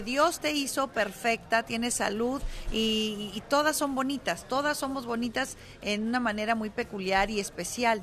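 A woman with a fairly high voice reports entertainment news on a radio show. Her delivery is lively, chatty and upbeat. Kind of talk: radio celebrity news chat.

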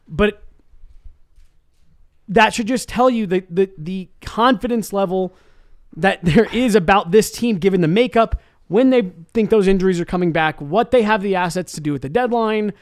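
A high-voiced man with a very dry sound co-hosts a sports show, chatting casually at normal speed. He argues his points emphatically and often restarts mid-thought, and the recording is dry.

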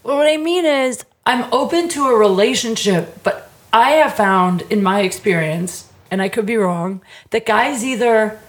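A woman's voice: on the high side, measured pace, echoey room. A woman chatting casually and candidly in informal, slangy language, with lots of "like".

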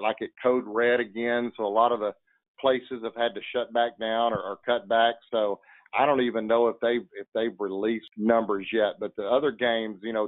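A man's voice: mid-range voice, no room sound. Man talking sports over a tinny phone line. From Texas. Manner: chatty, rambling with restarts. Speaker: guest fan commentator. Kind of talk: casual sports chat.

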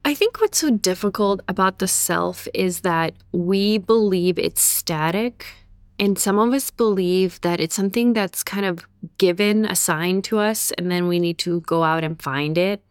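A woman's voice: lowish voice, unhurried, clear, resonant tone, dry recording. A woman from Bosnia who later moved to Canada, speaking as an interview guest in an articulate, reflective, conversational way, often illustrating points with everyday examples. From born in Bosnia, raised in Serbia and Canada. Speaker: interview guest, author and therapist.

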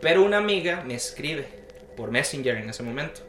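Bright-voiced young man telling a dream story. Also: on the high side, a little fast. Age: young adult. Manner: animated storyteller acting out quoted voices. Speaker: podcast guest. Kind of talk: casual storytelling chat. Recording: echoey room with faint noise.

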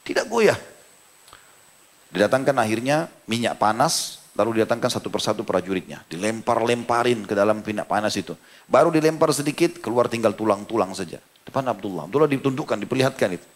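A man's voice: on the low side, animated, fast talker. A male preacher from Indonesia giving a sermon, telling a story dramatically and then explaining scripture to his listeners. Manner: dramatic storyteller, voice rising and dropping with the tale. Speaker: Islamic preacher.

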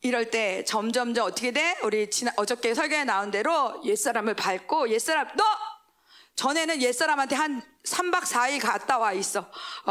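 Animated, high-pitched woman preaching a sermon. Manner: animated, asks the congregation questions and answers them; swings between raised exclamations and hushed whispered asides.

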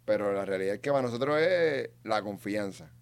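A man's voice: on the low side, expressive, a little fast, gravelly, clean tone. A man with a Puerto Rican accent, a barber guest explaining in casual chat and repeating his point firmly. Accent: Puerto Rican Spanish. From Puerto Rico.

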